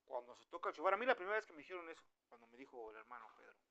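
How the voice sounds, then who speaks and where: A man with a Mexican Spanish accent preaching an informal, conversational sermon, animated and acting out the voices of the people he quotes. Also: fairly high pitch, rapid-fire, lo-fi sound.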